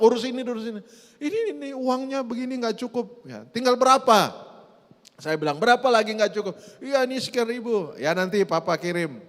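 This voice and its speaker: A middle-aged man, preaching a sermon in a church hall, swinging from hushed asides to loud drawn-out emphasis. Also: sits high. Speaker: pastor.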